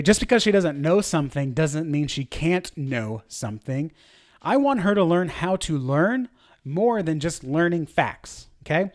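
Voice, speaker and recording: A man teaching church media leaders in a casual, chatty way, often poking fun at himself and acting out panicked and calm voices as examples. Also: fairly high pitch. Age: adult. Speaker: course instructor for church media teams. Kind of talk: casual teaching talk to camera.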